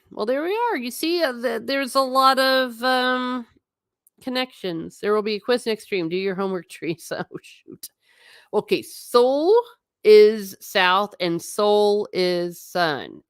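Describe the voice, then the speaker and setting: Smooth and medium in pitch, a middle-aged woman's voice comes through a dry, studio-quality recording. In casual stream commentary, she rambles about travel photos with a self-deprecating streak.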